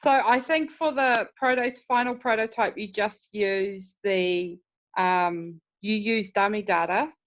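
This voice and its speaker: A woman leading a casual work meeting over a video call, explaining things step by step in a brisk way. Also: mid-range voice. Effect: heard over a video call. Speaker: project lead in a work meeting. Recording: dull lo-fi video call audio.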